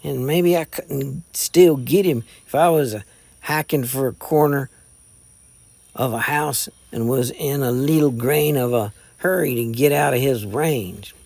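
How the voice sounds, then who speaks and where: A man's voice: mid-range voice, measured pace, creaky, a little mellow, no echo, pitched above the performer's own voice. A man voicing a belligerent young boy with a drawl, sneering backwoods talk. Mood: boastful. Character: belligerent young male mountain boy, hot-tempered.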